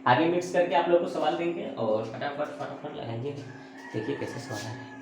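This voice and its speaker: A man's voice: fairly high pitch, a little fast, over music. A man teaching a math lesson who asks and answers his own questions, with chatty, joking asides. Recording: very echoey room.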